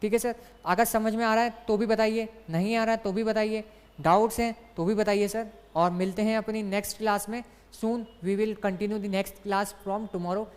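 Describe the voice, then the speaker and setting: A woman's voice: mid-range voice, steady tone, moderate pace, a little mellow, clean tone. A woman teacher gives an online exam lecture, walking through each point step by step. She keeps asking questions and answering them herself. Her mid-range voice carries a long echo, as if she is recording in a hall.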